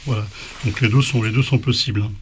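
A man's voice: medium pitch, steady tone, quick pace, a little hiss or hum. A man teaching an informal spoken language lesson, hesitant, with many fillers and restarts.

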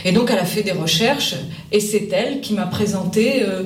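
A woman who is an author answers interview questions in a mid-range voice at normal speed, hesitating often and using many fillers. The recording sounds roomy and distant, with faint background noise.

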